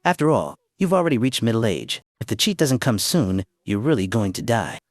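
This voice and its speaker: A man narrating a story recap in the second person, with brisk, animated storytelling, recorded close and dry. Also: medium pitch, no room sound.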